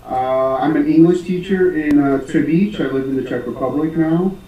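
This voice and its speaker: An American man in a casual interview, feeling his way through each answer with fillers and restarts. His voice is mellow and slightly higher than most men's. He sits some distance from the mic, in a roomy space that sounds a little dull. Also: normal speed. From United States. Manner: hesitant, many fillers and restarts. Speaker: English teacher, interview guest.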